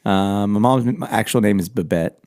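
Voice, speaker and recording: A man's voice: lowish voice, moderate pace, darkish tone. A man co-hosting a podcast, rambling and joking in a laid-back, casual chat. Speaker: podcast co-host.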